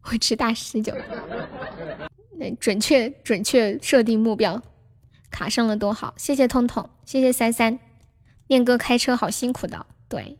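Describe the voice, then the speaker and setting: High-voiced young woman livestream host. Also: measured pace, darkish tone. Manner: chatty, laughs often, reads out viewer names. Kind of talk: casual livestream chat.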